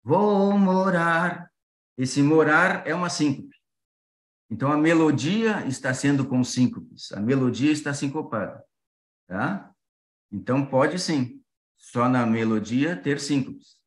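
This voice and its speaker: Man, music teacher, slow and patient, roomy echoey sound. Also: medium pitch. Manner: explains patiently with frequent fillers and checks like "tá?"; sings short melody syllables to demonstrate. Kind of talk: online class explanation. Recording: roomy echo.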